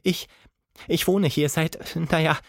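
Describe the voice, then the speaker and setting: A storyteller voicing a giant female ape who is gruff, then scatterbrained and stammering, in a children's audiobook. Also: medium pitch, fairly even intonation, takes it slowly, no echo, clean studio sound, pitched above the performer's own voice. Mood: flustered. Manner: flustered and stammering. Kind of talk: storybook reading.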